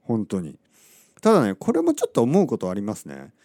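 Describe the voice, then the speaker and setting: Male podcaster, casual anecdote teller, warm dark voice, acts out the people he quotes, leaves almost no room sound. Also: fairly low pitch, brisk, no room sound, studio quality. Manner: animated, acts out quotes, asks listeners rhetorical questions. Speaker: podcast host. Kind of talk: casual storytelling monologue.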